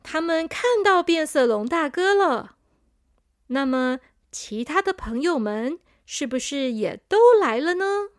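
A woman with a high, lively voice reading a children's story aloud. She speaks gently and unhurriedly to young listeners. The recording is dry and close. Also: slow, dry recording.

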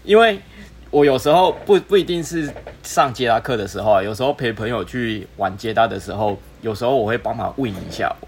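A man's voice: medium pitch, lively intonation, fairly quick, a little hiss or hum. A man co-hosting a podcast in casual chat, playful and jokey. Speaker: podcast co-host.

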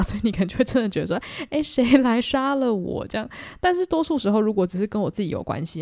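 Fast-talking young Taiwanese woman. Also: on the low side, dry recording, clean studio sound. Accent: Taiwanese Mandarin. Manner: animated, self-mocking, acts out quoted lines. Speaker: podcast host. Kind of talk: solo storytelling chat.

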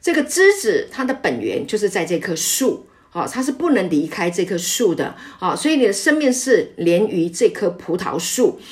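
A woman's voice: mid-range voice, sing-song, normal speed. A middle-aged woman pastor, preaching a sermon in an emphatic way, with many "ah" fillers between phrases. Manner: warm, emphatic preaching with frequent filler sounds.

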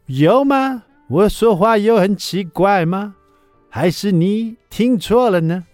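A man's voice: high voice, animated, darkish tone, no room sound, faint music behind, pitched above the performer's own voice. A man putting on a goofy mock foreign accent in Mandarin, speaking in an exaggerated sing-song way. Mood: teasing, mock-innocent. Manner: exaggerated sing-song, stretched slow words.

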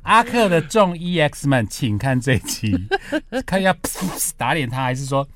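A man's voice: a little high, very animated, fairly bright tone, no echo, studio quality. Playful man. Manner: playful, chiming in with quick reactions. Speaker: podcast co-host. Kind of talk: casual chat.

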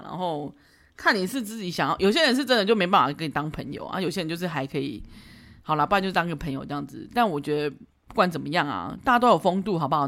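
A woman's voice: fairly low pitch, fairly bright tone. A woman with a Taiwanese Mandarin accent hosts a podcast, giving casual advice in a chatty, teasing way and laughing often. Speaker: podcast host.

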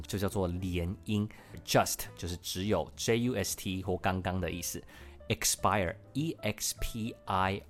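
A man, hosting a podcast lesson and patiently explaining English words, spelling them out letter by letter. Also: deep voice. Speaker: English teacher and podcast host.

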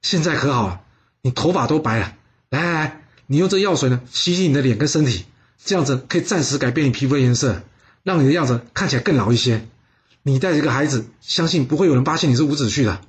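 A man's voice: medium pitch, animated, fast talker, lightly acted. A man voicing a kindly older male doctor who explains and reassures patiently. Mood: reassuring.

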